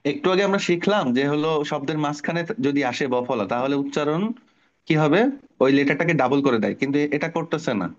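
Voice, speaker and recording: A man's voice: on the high side, a little fast, dull audio. A middle-aged man teaching an online spelling class to children, explaining patiently and asking the class questions.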